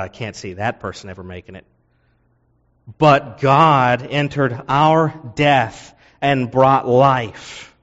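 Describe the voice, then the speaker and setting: A man's voice: a little high, long reverb tail, lo-fi sound. A man preaching an earnest sermon, explaining a passage and repeating key phrases for emphasis. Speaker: pastor.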